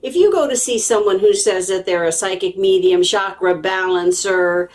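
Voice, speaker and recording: With a distant mic, a woman with a mid-range, darkish voice speaks at normal speed as she tells a story to the camera. She's casual and animated, chatty and emphatic, digresses freely, and keeps checking in with her listeners.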